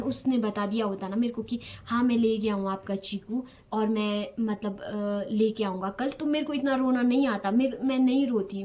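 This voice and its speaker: A young woman vlogging, telling a personal story in a casual, rambling way, repeating words and drifting between soft and loud. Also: a little high.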